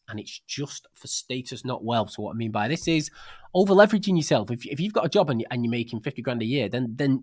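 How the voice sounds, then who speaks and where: A man's voice: mid-range voice, dry recording, clean studio sound. A man, hosting a casual podcast chat and telling stories with lots of swearing and restarts. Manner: animated, swearing storyteller with many restarts. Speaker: podcast host.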